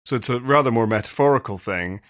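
An earnest man talks through ideas at length in a casual podcast discussion. His voice sits at an ordinary middle pitch. He halts, restarts and fills gaps as he thinks aloud. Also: fast talker, fairly bright tone. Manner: earnest, explains at length with many fillers and restarts. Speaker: podcast co-host, vicar.

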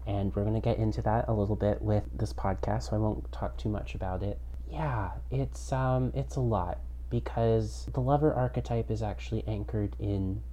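A man hosting a casual podcast, earnest, candid and reflective, talking into headphones used as a microphone, with low-quality sound. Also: fairly even intonation, moderate pace, few pauses, warm tone, slight background noise. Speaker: podcast host. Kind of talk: casual personal podcast introduction.

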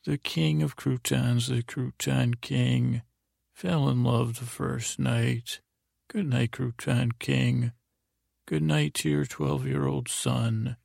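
A man hosting a sleep podcast in the calm, gentle, rambling manner of a bedtime story narrator. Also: medium pitch, slow, vocal fry, no echo, studio quality. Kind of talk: soothing bedtime sleep-story narration, saying good night to listeners.

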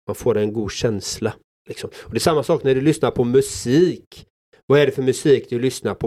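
A man co-hosting a podcast, explaining his views in a calm, measured way. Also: medium pitch. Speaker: podcast co-host. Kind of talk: casual podcast conversation.

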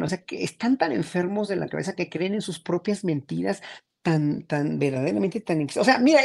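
A man with a Mexican accent, a regular panelist getting over a flu, giving animated, indignant political commentary full of restarts. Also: sits high, creaky. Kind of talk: political commentary on a talk show.

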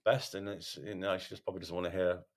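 Deep-voiced male host, candid interview, halting delivery with many restarts. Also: level tone. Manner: halting, self-correcting, frequent ums and repeated words. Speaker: podcast host, sharing his recovery story.

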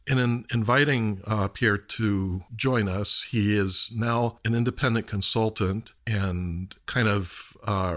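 A man hosting a podcast interview, introducing his guest in a halting way with many fillers. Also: deep voice, a bit bright. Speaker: podcast host.

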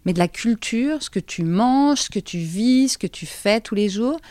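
A woman reporter narrates a news segment and puts brisk, probing questions to her interviewees. Her voice sits at a middle pitch. The recording is dry and close, with no room sound. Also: lively intonation, darkish tone, no room sound. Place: school in Paris.

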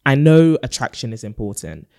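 A man's voice: mid-range voice, sing-song, normal speed, creaky, darkish tone, no room sound, clean studio sound. A man with a London accent and urban slang, chatting casually as a podcast co-host. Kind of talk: casual chat.

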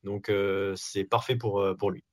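A man's voice: fairly low pitch, flat delivery, a little slow, no echo, clean studio sound. A man giving his pick on a casual podcast, hesitant and full of fillers. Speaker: panelist. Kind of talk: casual chat.

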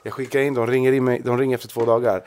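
A man's voice: mid-range voice, a little hiss or hum. A man of Chilean family telling a long story in casual chat, acting out other people's lines with lots of fillers. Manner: animated, acts out others' lines, many fillers.

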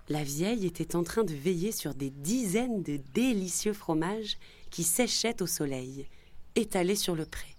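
Slow, expressive woman storyteller. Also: fairly low pitch. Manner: expressive, lively reading. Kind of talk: children's story narration. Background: faint music.

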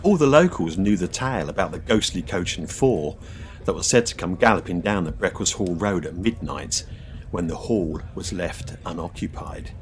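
A man's voice: low voice, animated, normal speed. A man co-hosting a podcast, trading playful banter and narrating folk tales expressively. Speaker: podcast co-host and storyteller.

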